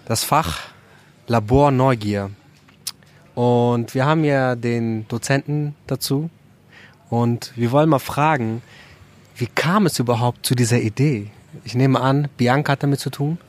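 Relaxed male student interviewer. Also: medium pitch, measured pace. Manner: relaxed, loose phrasing. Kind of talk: casual interview chat.

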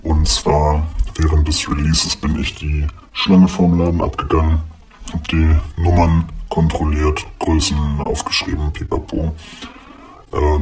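An anonymous man telling a story in a disguised, pitched-down deep voice, hesitant with many fillers. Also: noisy background. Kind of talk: casual spoken anecdote.

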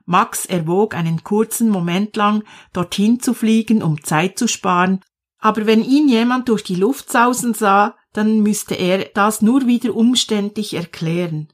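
Female narrator, slow, calm storybook read, mid-pitched voice. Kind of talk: storybook reading.

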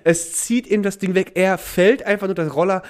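A young man casually telling a story on a podcast, lively and laughing, acting out the people in it. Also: sits high, normal speed. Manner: animated, acts out voices in anecdotes, laughs often. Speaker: podcast co-host.

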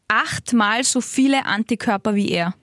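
Casting: chatty woman podcast co-host, slightly high voice, dry close sound. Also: normal speed, no room sound. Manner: chatty storyteller, swears casually, animated retelling. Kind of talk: casual chat.

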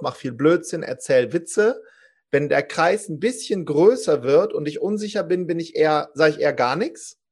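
A man in his forties telling a story as a podcast guest, animated, acting out quotes and restarting often. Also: a little high. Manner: lively, acts out quotes, many restarts.

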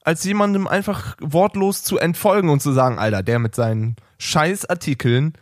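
A man's voice: on the high side, normal speed, no room sound, clean studio sound. A young man co-hosting a podcast, joking casually and poking fun at himself. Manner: self-mocking, joking. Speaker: podcast co-host.

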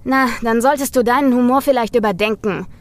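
A woman's voice: on the high side, a little fast, lightly acted. A woman voicing a boorish, hulking young man who bellows and mocks. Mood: mocking. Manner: bellowing, mocking.

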